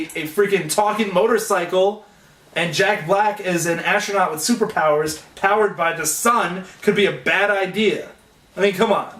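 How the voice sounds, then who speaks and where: A man's voice: sits high, reverberant, far from the mic. A young man ranting sarcastically and comically about things he hates, griping with exasperation. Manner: exasperated, sarcastic griping with mocking put-on voices. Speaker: comedy sketch host ranting. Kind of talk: comedic rant monologue.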